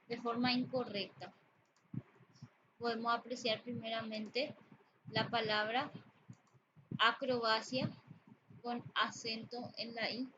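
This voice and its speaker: A woman teacher giving a spoken lesson on grammar and usage, explaining slowly with pauses and fillers. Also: a little high. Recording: dull lo-fi audio with background noise.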